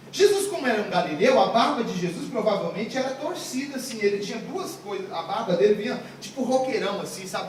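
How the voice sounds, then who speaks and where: A man's voice: very high-pitched, slight background noise. A man in his thirties preaching a humorous sermon, retelling the story in a joking, slangy way, heard from a distant mic in a very echoey room. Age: 30s. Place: live gathering room.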